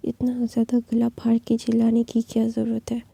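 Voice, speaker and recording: A woman voicing a stern, protective older woman in a husky whispered role-play. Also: a little high, monotone, moderate pace, mellow, no room sound, heavily acted. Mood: scolding.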